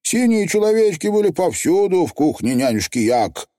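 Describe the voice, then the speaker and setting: A man narrating an audiobook, his storytelling rising and falling a great deal. His voice is dark and mellow. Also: high-pitched, moderate pace, dry recording, clean studio sound. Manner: expressive storytelling. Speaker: audiobook reader.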